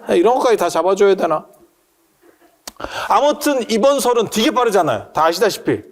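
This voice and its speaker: A man's voice: high-pitched, very animated, fairly quick. A man giving a casual Buddhist dharma talk, joking and asking the audience questions as he explains customs. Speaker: Buddhist monk lecturer. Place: temple hall with listeners.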